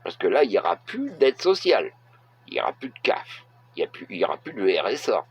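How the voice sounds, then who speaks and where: A middle-aged man from France, giving a blunt opinion monologue to camera and pausing often to hesitate. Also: lowish voice, very animated, slightly rough. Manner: blunt, halting with frequent filler hesitations. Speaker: vlogger. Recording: dull lo-fi recording.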